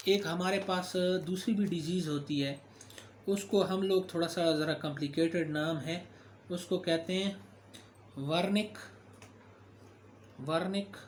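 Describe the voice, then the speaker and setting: Man, somewhat high voice, medical lecturer, explanatory delivery with fillers, faint background hiss. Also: a bit bright. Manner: explanatory, with frequent fillers and self-corrections. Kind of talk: recorded lecture.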